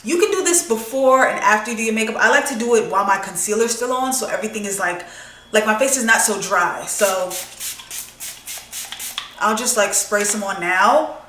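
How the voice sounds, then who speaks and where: A young woman vlogger chatting casually while doing her makeup, expressive and swearing freely. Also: a little high, normal speed, recorded from a distance, a little hiss or hum. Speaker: beauty vlogger. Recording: echoey room, voice a bit off-mic.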